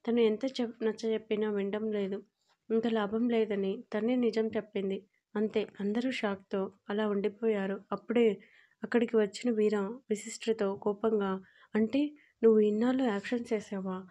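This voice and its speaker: Woman storyteller for a romance audio story; mellow tone, level reading. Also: mid-range voice, normal speed, dull audio. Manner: steady, even reading. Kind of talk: scripted audio-story narration.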